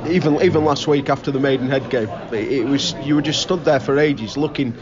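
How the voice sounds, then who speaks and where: Male football pundit in interview, emphatic and repetitive, mid-pitched, busy crowd sound behind. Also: brisk, dull audio. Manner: emphatic, repeats words. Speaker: local radio football commentator. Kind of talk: enthusiastic interview talk. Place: busy pub. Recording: busy pub chatter behind.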